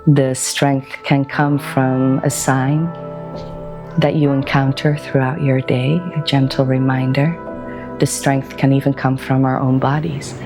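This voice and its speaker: Low, flat-voiced reflective woman over music. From Belgium. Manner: slow, gentle and reflective, with pauses. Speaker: wellbeing practitioner.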